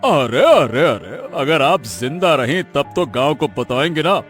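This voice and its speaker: Guy doing a scheming cartoon village boss, gloaty laugh, bouncy pitch, music under it. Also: big pitch swings, unhurried, fairly bright tone. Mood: menacing. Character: greedy scheming village headman, poacher villain. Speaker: village headman. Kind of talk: cartoon voice acting.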